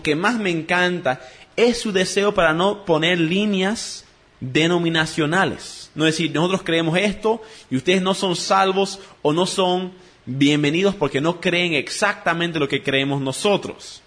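A man preaching a sermon in an earnest teaching tone, calling his listeners brothers. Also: on the high side. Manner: acts out dialogue in a joke with lively voices.

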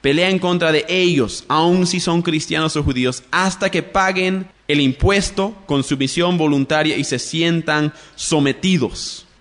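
A man with a slightly raised voice teaches in the manner of a religious radio program. He talks straight to his listeners and slows down to spell out key words letter by letter. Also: a little high, a bit bright. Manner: addresses listeners directly. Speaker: radio preacher.

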